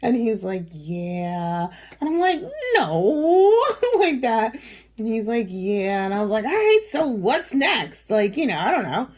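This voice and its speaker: A woman's voice: on the high side, very animated, unhurried, darkish tone. A woman in her forties telling a long personal story in a casual chat, rambling with many fillers and frequent laughs. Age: 40s. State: recovering from a cough and sore throat. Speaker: vlogger.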